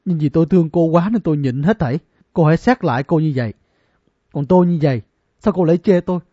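A man's voice: a little high, fast talker, warm tone, no echo, natural voice. A man voicing a wealthy young male scholar who pleads and boasts in an audiobook, in a dull, lo-fi recording. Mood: pleading, boastful. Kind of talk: audiobook character acting.

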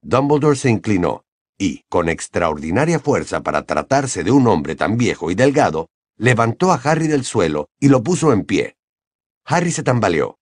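Male narrator, mid pitch, lively and dramatic, dry close sound. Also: dry recording. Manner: expressive, dramatic reading. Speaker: audiobook narrator. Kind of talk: scripted narration.

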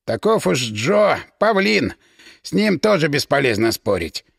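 A man's voice: fairly high pitch, sing-song, a little slow, creaky, slightly rough, no echo, studio quality, full character voice. A man voicing a lazy, boozy male inventor with an ironic, weary manner.

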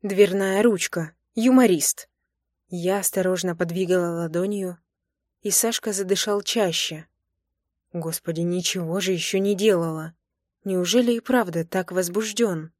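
A woman's voice: fairly low pitch, steady tone, normal speed, darkish tone, dry recording, studio quality. Woman reading first-person romance. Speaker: audiobook narrator.

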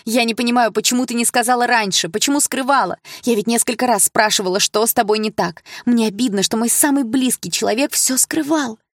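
A woman's voice: a little high, brisk, few pauses, no echo, clean studio sound, voice pushed up. A woman voicing a hurt teenage girl who speaks sharply and with bitter irony. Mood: hurt defiant.

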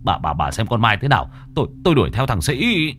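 A man's voice: mid-range voice, very animated, quick pace, fairly bright tone, a little hiss or hum. A man voicing a frantic, grief-stricken elderly father-in-law in a spoken ghost story, pleading and wailing. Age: older.

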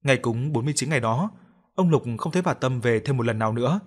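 A man narrates an audio story with steady, measured pacing. His voice sits at a middle pitch, and he reads in a calm storytelling style.

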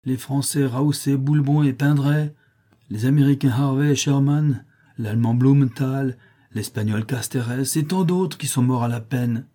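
A man's voice: mid-range voice, measured pace, mellow, close to an everyday voice. A man voicing a skeptical young man who argues insistently. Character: young man, doubtful and disappointed.

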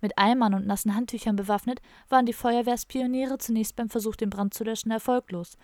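A woman's voice: fairly high pitch, fairly even intonation, brisk, darkish tone, dry recording. A woman narrating a comic audiobook in a dry, matter-of-fact storytelling manner, recorded close on a studio mic.

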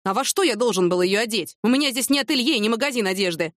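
A woman's voice: medium pitch, lively intonation, fast, dry recording, studio quality, lightly acted. A woman voicing a flustered police captain. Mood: defensive. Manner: defensive, awkward.

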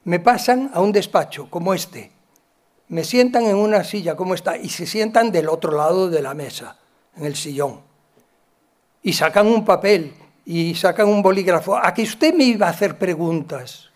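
A man from gives a talk, telling stories from his work as a psychologist and acting out the dialogue with big swings in loudness. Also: high-pitched, moderate pace. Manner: animated, acts out dialogue with shifts in loudness. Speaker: psychologist and educator giving a talk. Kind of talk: storytelling lecture.

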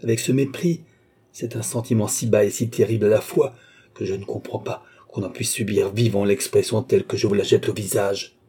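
A man's voice: medium pitch, expressive, unhurried, slightly rough. A man reading an audiobook, voicing a proud young noblewoman who is furious and contemptuous. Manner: shouting, raging, contemptuous. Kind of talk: audiobook character voice.

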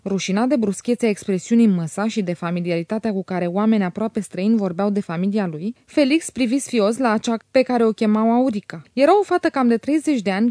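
A woman narrating a classic novel as an audiobook, in a measured, even reading on a close mic. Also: on the high side, no echo.

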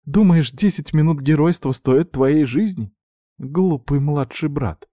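A man's voice: mid-range voice, expressive, moderate pace, warm tone, no room sound, studio quality, pitched above the performer's own voice, close to an everyday voice. A man voicing a worried young woman scolding her younger brother in a pleading, upset way.

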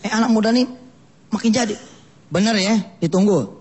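A man preaching a lively sermon in a mosque, acting out scenes and jumping his voice up and down for different characters. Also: moderate pace, slight background noise. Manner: animated, voices characters with sudden pitch jumps.

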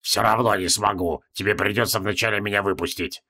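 A man reading an audiobook, voicing a weary, sardonic male demon prisoner in a low, subdued drawl. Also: fairly even intonation, a little fast, pushed and bright.

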